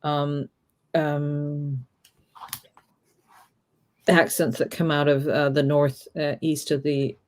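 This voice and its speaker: A woman's voice: low-pitched, level tone, takes it slowly, long pauses. A woman co-hosting a review podcast, rambling with many fillers while she searches for words. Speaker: podcast co-host. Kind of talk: casual review discussion.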